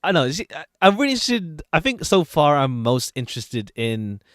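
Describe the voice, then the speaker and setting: A man's voice: on the high side, big pitch swings, normal speed, a bit bright, no echo, clean studio sound. A man giving casual livestream commentary as a streamer, chatty and hesitant as he thinks aloud. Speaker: streamer reacting to game trailers.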